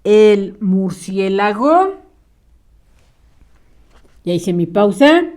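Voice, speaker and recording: A woman teacher dictating sentences to young children word by word, pausing patiently and encouraging them as they write. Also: mid-range voice, sing-song, a little mellow. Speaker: primary school teacher.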